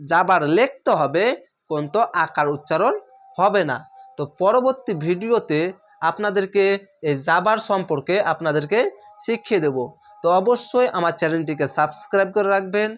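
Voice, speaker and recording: Sounding out letters one by one, a man whose voice sits high with a fairly bright tone leads a recorded beginner reading lesson. He repeats instructions patiently and asks his learners direct check-in questions.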